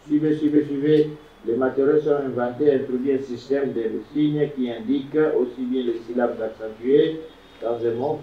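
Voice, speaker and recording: Slow, animated teacher in an echoey classroom. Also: male voice, mid-range voice. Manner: animated, emphatic teacher pronouncing Hebrew words syllable by syllable. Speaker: Hebrew teacher. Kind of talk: classroom lecture. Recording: echoey room, distant mic, dull lo-fi sound.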